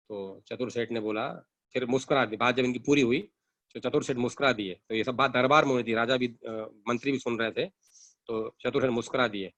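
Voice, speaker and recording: A male storyteller tells a devotional tale at an easy, unhurried pace, pausing and restarting as he goes. His voice sits at a medium pitch. The recording is dry and close, with no room sound. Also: a bit bright, dry recording, lo-fi sound.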